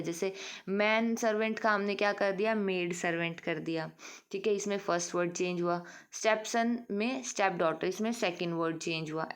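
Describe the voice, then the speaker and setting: A woman teacher giving an online English grammar lesson, mixing Hindi and English and checking in with her students with repeated questions. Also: medium pitch. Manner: mixes Hindi and English, calls students "beta".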